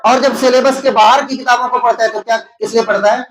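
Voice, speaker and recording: A high-pitched man with an Indian Urdu accent teaches an exam-prep lesson. He poses questions and answers them himself, going over key terms again. His voice rings in an echoey room. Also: fairly even intonation.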